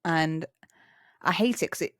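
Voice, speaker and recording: A young English woman with a rough, chav-style slangy accent, chatting casually and candidly. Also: low voice, a little slow, fairly bright tone, dry recording, clean studio sound. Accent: English, chav-style street slang. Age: young adult. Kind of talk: casual chat.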